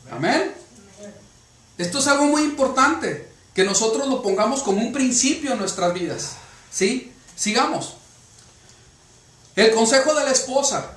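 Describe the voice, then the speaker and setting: High-voiced man preaching in an echoey hall. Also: a bit bright. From Mexico. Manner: frequent rhetorical questions to the congregation. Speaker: pastor. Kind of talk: sermon. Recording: echoey room from a distance.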